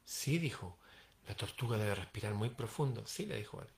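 A man's voice: fairly low pitch, expressive, normal speed, creaky. A man telling a parable aloud, acting out the dialogue in varied voices. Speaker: storyteller. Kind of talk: oral storytelling of a parable.

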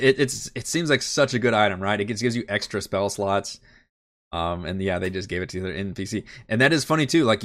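A game master and channel host with a somewhat low, slightly bright voice sounds nasal and stuffed up from a head cold. He's doing a casual livestream Q&A, talking loosely and thinking out loud, with lots of fillers and restarts.

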